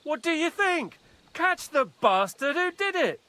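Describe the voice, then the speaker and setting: Irritable commanding lord. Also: male voice, very high-pitched, very animated, unhurried, sharp tone, exaggerated voice. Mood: irritated. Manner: curt, ordering others about. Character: irritable, commanding nobleman, quick-tempered. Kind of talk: video game dialogue.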